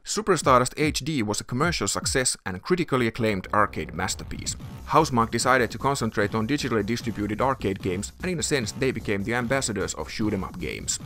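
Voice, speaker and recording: A man's voice: on the low side, a bit bright. A man reading scripted documentary narration as a video narrator. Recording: music under the voice. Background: background music.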